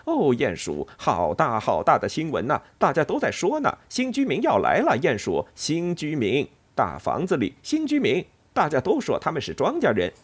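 A man voicing an excitable young male field mouse, breathless and hurried in a storybook reading. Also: husky, full character voice. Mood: excited. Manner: high, squeaky and hurried.

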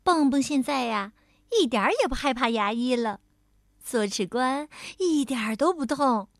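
A woman teacher narrating a bedtime story for children, gentle and speaking directly to the child listening. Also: high-pitched, expressive, normal speed, no echo, clean studio sound.

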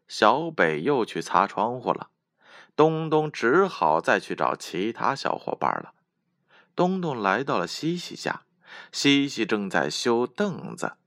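Male children's storyteller, lowish voice, very expressive, unhurried. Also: no echo, studio quality. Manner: gentle, slow, sing-song questions to children. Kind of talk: bedtime story reading for children.

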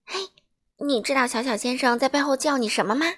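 A woman's voice: high-pitched, brisk, fairly bright tone. A woman voicing a mischievous, gleeful young troublemaker in a children's storybook reading, with a sly, teasing manner.

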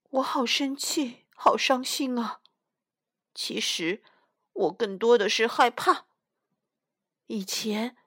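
A woman reading a children's picture book aloud in the first person as a little mouse, slow, gentle and expressive, recorded close up. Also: a little high, breathy edge, no room sound. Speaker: storyteller mother.

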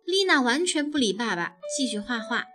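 A woman narrating a children's story in an expressive, animated way. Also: fairly high pitch, moderate pace, soft background music.

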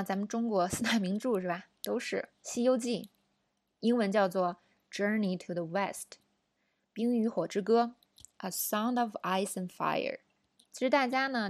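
Woman, chatty lesson host, mid pitch, dry close recording. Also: moderate pace, no echo. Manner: chatty, explaining with frequent rhetorical questions. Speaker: English teacher. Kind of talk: casual language lesson.

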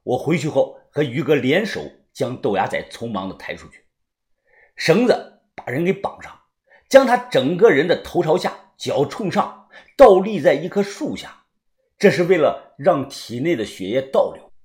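Animated male audiobook narrator, dramatic delivery. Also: fairly high pitch, normal speed. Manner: lively, dramatic storytelling. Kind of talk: serialized storytelling.

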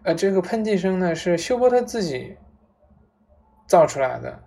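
A woman casually retelling a story aloud, relaxed, with frequent fillers and restarts. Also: on the low side, normal speed, creaky.

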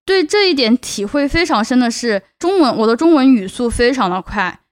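A woman's voice: fairly high pitch, animated, moderate pace. A young woman from Chongqing, China, giving earnest advice in a casual solo podcast and repeating words for emphasis. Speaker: podcast host.

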